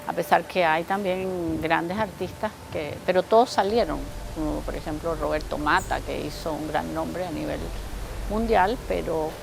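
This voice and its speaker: A woman from Chile recalls the past in a documentary interview, speaking reflectively and pausing for words. Her voice has a gravelly edge, and faint noise sits behind it. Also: deep voice. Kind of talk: interview recollection.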